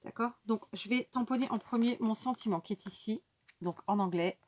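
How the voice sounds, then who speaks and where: A woman's voice: a little high, fairly quick, a little mellow. A woman hosting a casual craft tutorial, explaining each step to her viewers with many fillers and asides. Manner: talks directly to viewers.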